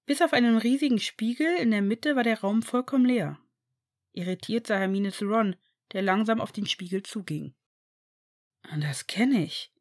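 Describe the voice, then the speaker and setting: A woman's voice: a little high, normal speed, a little mellow. Woman reading a story aloud. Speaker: fan fiction reader. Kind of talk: audiobook narration.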